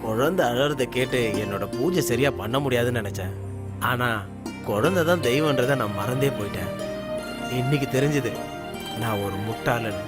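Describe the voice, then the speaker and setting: An actor playing a humbled worshipper who speaks with remorse and reverence. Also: male voice, medium pitch, animated, moderate pace, over loud music, close to an everyday voice. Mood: remorseful. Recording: dialogue under loud film score.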